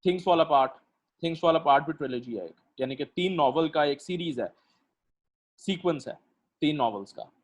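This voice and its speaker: A male lecturer teaches a literature class online, explaining slowly with plenty of pauses and fillers and asking his students questions. His voice is a little high.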